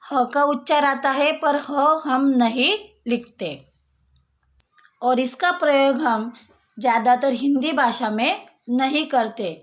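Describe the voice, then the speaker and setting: A woman's voice: high voice, takes it slowly. A woman teacher giving a patient lesson for young children, explaining and repeating each word and sound. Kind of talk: slow classroom lesson explaining a textbook page.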